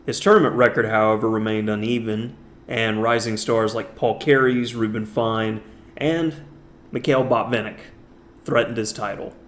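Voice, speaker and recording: A man's voice: lowish voice, fairly even intonation, moderate pace, slight background noise. A man narrating a chess lesson, walking through a historic game move by move and stretching out the words he wants to stress. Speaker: chess instructor.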